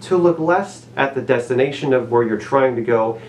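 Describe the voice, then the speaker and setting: A man's voice: medium pitch, normal speed, a little mellow, echoey room, slight background noise. Man muffled inside a mask head. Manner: laid-back, chatty, self-deprecating. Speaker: vlogger answering viewer questions. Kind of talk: casual Q&A vlog.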